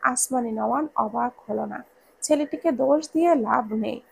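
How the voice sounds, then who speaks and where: A woman's voice: on the high side, normal speed, vocal fry, slightly rough, low-quality recording. A woman reading a romance story aloud as narrator, raising her voice when she voices the quarrelling characters.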